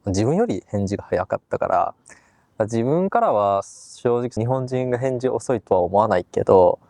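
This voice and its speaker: Korean-born man, mellow, dry sound. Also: medium pitch, lively intonation, moderate pace, dry recording. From Busan, South Korea. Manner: earnest, gives advice, laughs easily. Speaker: guest. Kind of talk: casual conversation.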